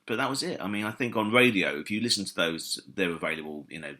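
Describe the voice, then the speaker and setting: Here a British comedy historian and author fields interview questions in a deep voice that comes across pushed and bright. His answers ramble with eager enthusiasm, peppered with fillers and false starts.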